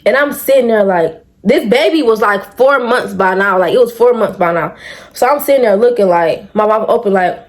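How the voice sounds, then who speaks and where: A woman's voice: mid-range voice, moderate pace. A woman who is a mother tells a personal story straight to her viewers, talking animatedly, swearing freely and calling them y'all. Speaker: vlogger telling a personal story. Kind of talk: casual storytime.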